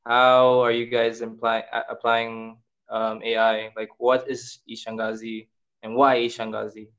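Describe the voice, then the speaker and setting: Male podcast host, relaxed questions, dull lo-fi recording. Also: medium pitch, unhurried. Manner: relaxed, trailing off softly. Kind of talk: casual interview. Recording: dull lo-fi audio.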